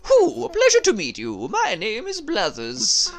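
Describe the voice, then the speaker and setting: A man's voice: very high voice, huge pitch swings, unhurried, voice pushed up, exaggerated voice. A man voicing a pompous, scholarly male owl who speaks in formal phrases. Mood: grandiose. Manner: formal and fussy.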